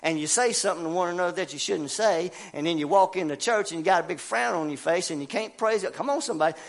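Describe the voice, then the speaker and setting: An older man preaching a sermon in a folksy, animated way, dropping low and quiet, then rising to loud calls. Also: fast talker, creaky.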